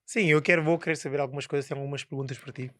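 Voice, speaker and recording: Brief: podcast co-host, man, teasing and playful, fairly high voice, dry close sound. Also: fairly even intonation, very fast, sharp tone, no echo. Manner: teasing, playful storytelling with many fillers. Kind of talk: casual chat.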